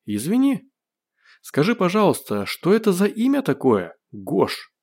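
A man's voice: high voice, wildly swooping pitch, a little slow, voice pushed up, full character voice. A man playing a brash, cocky amnesiac. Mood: bemused. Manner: loud, cocky, playfully defiant. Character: brash cheerful man with lost memory. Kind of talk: audiobook character voice.

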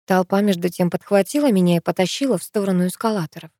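A woman reading a first-person audiobook in a lively, expressive way. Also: mid-range voice, quick pace, no echo, clean studio sound. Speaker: audiobook narrator. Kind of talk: first-person scripted narration.

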